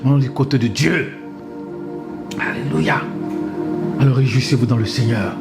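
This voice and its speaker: A man's voice: mid-range voice, normal speed, gravelly. A man in his fifties, a pastor, giving an emphatic, repetitive sermon full of amens and hallelujahs. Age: 50s. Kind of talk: exhorting sermon talk with his wife. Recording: music playing underneath.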